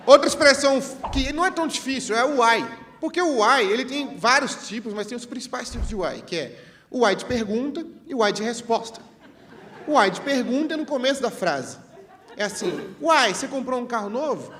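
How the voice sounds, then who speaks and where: A man's voice: very high-pitched, lively intonation, a little fast, a bit bright, some chatter behind. A man explaining regional slang as a comic bit, jokey and playful, acting out the quoted lines, recorded live in a hall. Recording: live hall with audience and background noise.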